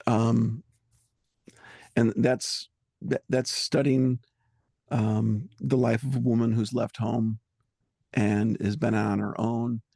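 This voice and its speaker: A man being interviewed as a musician, talking in an earnest, halting way and searching for words. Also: medium pitch, flat delivery, creaky, mellow, dry recording, studio quality. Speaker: musician guest. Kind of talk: reflective interview talk.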